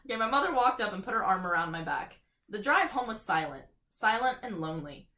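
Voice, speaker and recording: A woman with a medium-pitched voice reads a horror story aloud. It is an informal amateur narration with casual delivery, recorded in a roomy, echoey space. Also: big pitch swings, a little fast, bright, forceful tone. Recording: echoey room.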